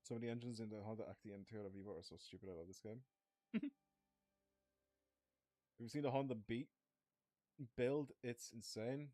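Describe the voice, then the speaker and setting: A man's voice: medium pitch, steady tone, normal speed, long pauses, dark tone, no room sound. Rambling young man streaming a racing game. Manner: rambling, swears, chats to viewers. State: starting to lose his voice. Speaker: gaming streamer. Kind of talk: casual live-stream commentary.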